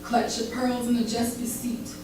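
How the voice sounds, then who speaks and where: A woman's voice: fairly high pitch, little pitch movement, normal speed, music in the background. A woman performing spoken word poetry live, with a rhythmic, dramatic delivery that rises and drops. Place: barbershop, live event. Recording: echoey live room recording from far off.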